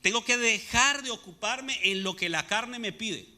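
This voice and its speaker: Bright-voiced male preacher. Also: high-pitched, measured pace. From Latin America. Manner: preaching with rhetorical questions to the congregation. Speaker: pastor. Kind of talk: sermon.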